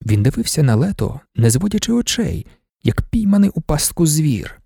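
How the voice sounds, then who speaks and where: A man narrating a novel as an audiobook, reading in an expressive storytelling manner. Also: on the high side, moderate pace, creaky, breathy edge, no echo, clean studio sound. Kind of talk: scripted narration.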